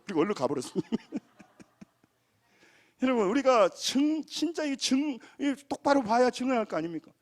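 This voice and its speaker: A man preaching a Sunday sermon as pastor of a church, with a Jeolla accent, moving between loud calls and quiet, low passages. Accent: Gwangju Jeolla. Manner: animated preaching, shifts from shouted calls to low quiet close. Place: church sanctuary.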